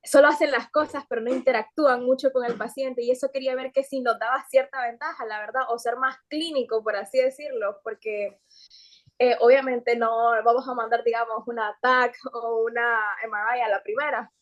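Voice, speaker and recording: A woman's voice: fairly high pitch, fairly even intonation, fairly quick. A woman with a Nicaraguan accent asking a guest questions, polite and hesitant, with many fillers and restarts. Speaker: audience participant asking questions. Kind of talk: casual interview questions.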